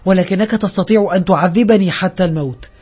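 Desperate worn-out woman, pleading and reproachful, read by a guy with a husky voice, lo-fi muffled. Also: fairly high pitch, brisk, dark tone. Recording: dull lo-fi audio.

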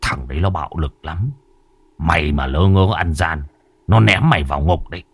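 A man doing a gruff old exorcist. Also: a bass voice, normal speed, voice pushed down, heavily acted. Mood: teasing. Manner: coarse, teasing. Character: gruff old male exorcist, teasing and blunt.

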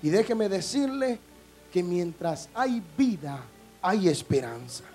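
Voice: mid-range voice, big pitch swings, takes it slowly. Dramatic storytelling preacher over faint music. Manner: storytelling, addresses listeners as brother, swings from hushed to loud. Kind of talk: fiery evangelical sermon.

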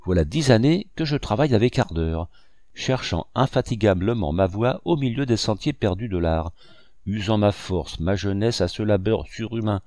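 A man's voice: lowish voice, lively intonation, moderate pace, darkish tone, no echo, clean studio sound. A man voicing an earnest young male sculptor, speaking in a solemn, impassioned way in a storybook reading.

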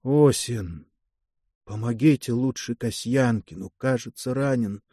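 Dazed stern commissar, weak clipped hush, read by a male narrator; war audiobook, dry. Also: mid-range voice, measured pace, breathy edge, dry recording.

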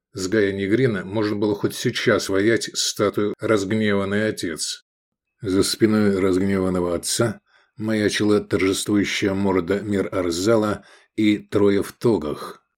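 A man reading an audiobook novel in an even, measured way. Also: fairly low pitch. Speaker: audiobook reader. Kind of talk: scripted narration.

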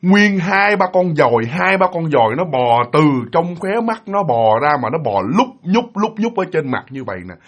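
A man with a Southern Vietnamese accent narrates a ghost story with vivid, dramatic delivery. His voice is husky and sits a little high. He swings widely through his range as he builds the scares. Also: sing-song, moderate pace, few pauses.

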